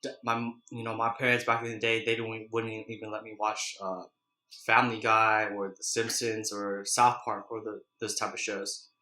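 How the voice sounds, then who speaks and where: Flat-toned young man, casual and echoey. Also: on the low side, moderate pace. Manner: rambling, colloquial, hesitant delivery. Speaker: vlogger reviewing a TV episode. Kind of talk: casual, unscripted episode recap. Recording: echoey, roomy sound.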